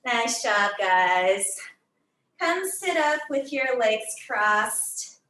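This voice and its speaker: A woman's voice: fairly high pitch, sing-song, very slow, sharp tone, slight background noise. A young woman fitness instructor, a little out of breath, counting down and calling out moves to her class. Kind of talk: cueing a workout class. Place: gym studio. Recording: echoey room from far off.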